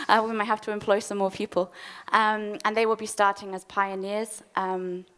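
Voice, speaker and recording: A woman's voice: mid-range voice, fairly bright tone. A British woman with a slight German tinge to her accent, out of breath, giving a friendly conference talk with fillers. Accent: British English with a German tinge. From Britain. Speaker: program lead.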